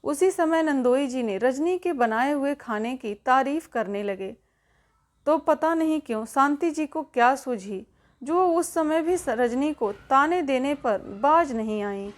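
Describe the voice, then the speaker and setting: A female storyteller with a high voice reads a scripted family tale evenly, voicing each character herself. Her delivery is animated and a little slow.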